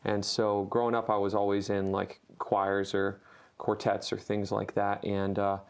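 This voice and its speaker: A man from rural Ohio, a guest musician talking casually in an interview, relaxed and halting with lots of fillers. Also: on the low side, gravelly, clear, resonant tone. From rural Ohio, USA.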